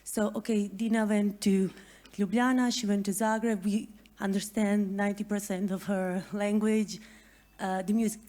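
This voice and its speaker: A woman's voice: medium pitch, level tone, normal speed, dark tone. A woman from Croatia asking a question from the floor at a conference, hesitant and full of fillers. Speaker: audience member asking a question.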